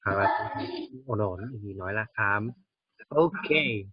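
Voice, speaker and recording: A man teaching English to a child, patient and coaxing, slowly repeating words to model how they sound. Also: lowish voice, level tone, no room sound. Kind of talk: one-on-one English lesson for a child. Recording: dull, dry lo-fi recording.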